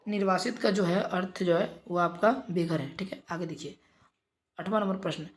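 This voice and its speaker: A man teaching an exam revision lesson, briskly reading out quiz options and coaxing his pupils along. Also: high-pitched, slight background noise.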